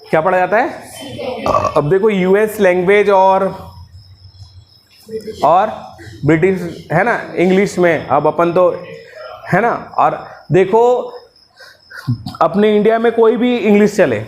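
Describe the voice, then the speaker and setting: A man's voice: sits high, takes it slowly, long pauses, slight background noise. A man teaching a class. He jokes around, calls his students "beta" and keeps checking with them, "hai na?". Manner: jokey, keeps asking "है ना?" and calls students "बेटा". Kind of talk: classroom lecture.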